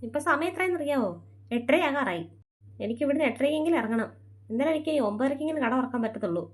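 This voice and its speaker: In a home-made family skit, a young woman plays a busy mother who runs a beauty parlour, fussing, nagging, and scolding. Her voice is high-pitched, expressive, and fast.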